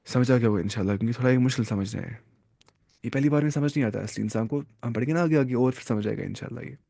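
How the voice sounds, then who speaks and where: A man's voice: fairly high pitch, darkish tone, no echo, studio quality. A man teaching an Arabic grammar class, who repeats key terms and keeps quizzing his students.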